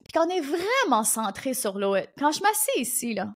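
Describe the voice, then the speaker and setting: A woman with an Acadian French accent hosting her own podcast, giving casual, energetic business advice at a fast clip. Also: high voice. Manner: fast, animated, energetic talk. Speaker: podcast host and business coach. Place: indoor recording studio.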